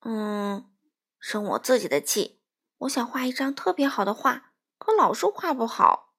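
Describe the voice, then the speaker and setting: A cross little storybook frog who shouts and sulks over his failures, played by a woman. The voice sits high and swoops widely, with a husky, breathy edge. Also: sing-song, a little slow, heavily acted. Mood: angry, frustrated. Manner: shouty, sulky complaining. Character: frustrated young male frog, quick-tempered.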